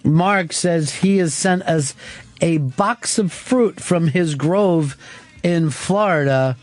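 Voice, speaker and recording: A man runs a radio call-in show from the studio, his voice sitting a little high. He banters with callers in a quick, crude, joking way. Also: darkish tone, faint music behind. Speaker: radio show host taking calls. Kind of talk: casual radio call-in chat.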